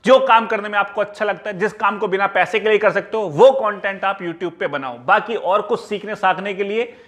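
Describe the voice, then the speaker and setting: A man's voice: high voice, fairly bright tone. A man talking casually to camera as a YouTuber, giving advice and slipping English words into his Hindi. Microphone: small clip-on mic.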